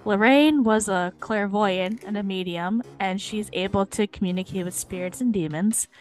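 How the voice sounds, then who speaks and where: A woman's voice: mid-range voice, normal speed. A young woman co-hosting a paranormal podcast, telling a story in casual chat with fillers and swearing. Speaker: podcast co-host.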